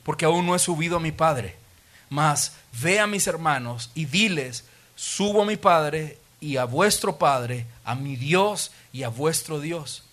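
A preacher voicing a calm, gentle risen man who speaks in slow, solemn words. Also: a little high.

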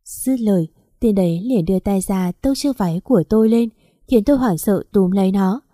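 A woman reading a first-person story aloud in a steady, even storytelling manner. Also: medium pitch, brisk, no room sound, studio quality. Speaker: story narrator.

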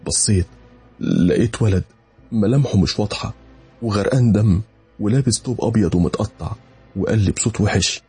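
Fast, husky Egyptian man telling horror. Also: fairly low pitch, animated, a little mellow, soft background music. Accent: Egyptian Arabic. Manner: rushed, tense first-person telling. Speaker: storyteller. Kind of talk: horror story narration.

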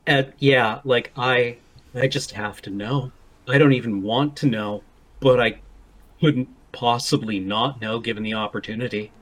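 Man, husky voice, emphatic loud reactions, casual chat. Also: medium pitch, fairly even intonation, measured pace.

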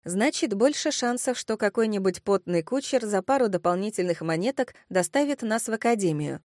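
A brusque, sharp-tongued young student girl who barks and snaps, a bit higher than a plain reading voice, as a woman reader puts her on. Dry, close audiobook sound. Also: lively intonation, fairly quick, dry recording, close to an everyday voice. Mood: brisk. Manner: snappy, brusque.

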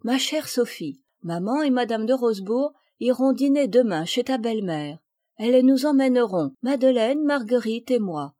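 A woman voicing a kind, sensible little girl who speaks gently in a storybook reading. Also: a little high, lively intonation, moderate pace, pitched above the performer's own voice. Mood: earnest.

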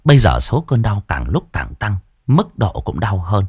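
A man narrating a scripted ghost story in a lively, expressive way. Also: on the low side, moderate pace, husky, no echo, studio quality.

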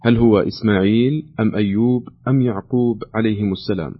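Fast-talking low-voiced quiz host man. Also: steady tone, breathy edge, highs cut off. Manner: reads questions out, patiently repeats options. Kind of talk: call-in quiz hosting.

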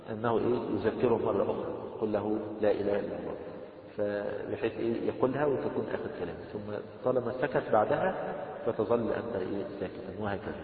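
A man with an Egyptian accent explaining a religious text to his class. He reads the passage slowly, then explains it in everyday speech. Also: on the low side. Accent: Egyptian Arabic. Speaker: religious teacher. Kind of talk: explaining a jurisprudence text in a lesson. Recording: tinny, echoey hall recording from far off.

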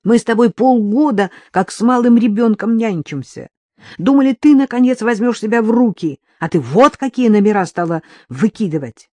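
A woman does an exasperated teenage girl in a storybook reading, scolding and alarmed. The voice sits higher than the narration and jumps about. The sound is dry and close. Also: animated, normal speed, warm tone, no echo.

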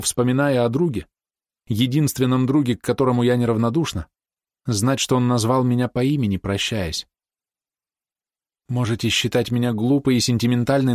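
A man reading an audiobook who voices a frightened young woman, pleading in an urgent, hushed manner. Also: medium pitch, no echo, clean studio sound, voice pushed up, close to an everyday voice.

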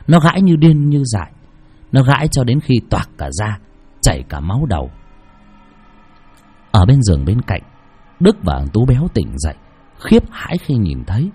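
Man, horror story narration, dramatic, lively pitch, husky. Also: normal speed, long pauses, faint music behind. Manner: dramatic, shifting pitch for effect.

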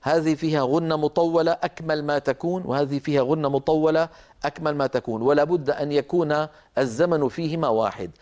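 Higher-pitched man teaching Quran recitation. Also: fairly even intonation, darkish tone. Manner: explains slowly, demonstrates sounds, pauses between segments. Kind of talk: tajweed lesson with live correction.

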